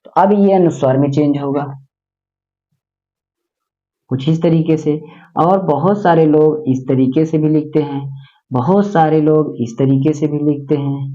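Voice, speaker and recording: A man's voice: fairly high pitch, unhurried, long pauses, dark tone, dull audio. A man teaching a grammar lesson who repeats words and keeps asking his students questions.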